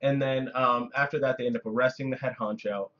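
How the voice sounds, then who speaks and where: A man in easy, laid-back podcast talk, retelling a story and dropping dry, wry remarks along the way. He speaks at a middling pitch, and the audio comes through muffled and lo-fi. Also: steady tone, fairly quick, fairly bright tone. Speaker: podcast co-host. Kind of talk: casual recap chat. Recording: dull lo-fi sound.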